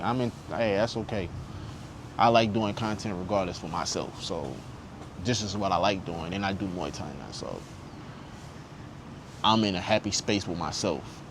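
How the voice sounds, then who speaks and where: A man's voice: lowish voice, background noise. Blunt, heated man venting on camera. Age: 20s. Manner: heated, repetitive, blunt with profanity. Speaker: vlogger. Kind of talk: candid vlog rant.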